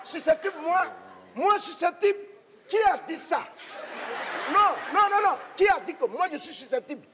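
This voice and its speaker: A man with an Ivorian French accent performing a comedy sketch, touchy and quick to burst into indignant shouting. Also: animated, in a large hall. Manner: touchy, explodes into high-pitched shouting. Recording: stage recording with audience and noise.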